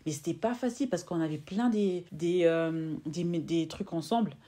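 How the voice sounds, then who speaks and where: A vlogger in her twenties tells a personal story straight to her viewers in a casual storytime monologue, using a low, mellow voice at a moderate pace. She animatedly acts out the quoted exchanges, taking on the voices of people in the story, and often circles back to repeat or restart a phrase.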